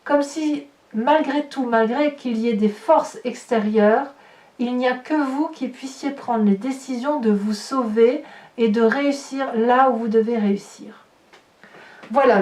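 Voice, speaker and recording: Talking her way through a spread to camera, a woman tarot reader muses hesitantly and poses rhetorical questions to the viewer. Her voice is fairly high and darkish in tone, and because she sits some way from the mic, the room rings with reverb.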